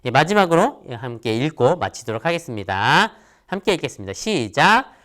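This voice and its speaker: A man in his thirties giving a children's sermon as a church pastor, animated and acting out little voices. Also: a little high, brisk. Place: church, recorded for online worship video.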